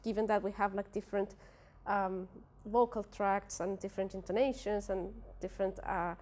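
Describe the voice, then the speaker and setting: With a medium-pitched, slightly mellow voice, fairly even intonation, and normal speed, a young native Spanish speaker from a Spanish-speaking country gives an academic presentation of her research at a workshop. She speaks with a Spanish accent and uses many fillers and restarts.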